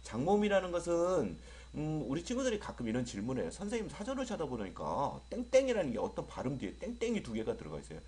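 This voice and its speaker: A man teaching English pronunciation in an online lecture. He speaks, repeats words slowly with drawn-out vowels, and jokes lightly with students he calls friends. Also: a little high, wildly swooping pitch, a little mellow.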